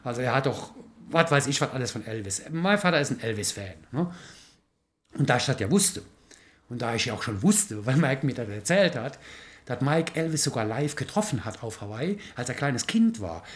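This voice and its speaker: A man hosting a podcast, telling an anecdote in a casual, animated way with many fillers and tag questions. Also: medium pitch, moderate pace. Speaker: podcast host. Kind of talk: casual storytelling chat.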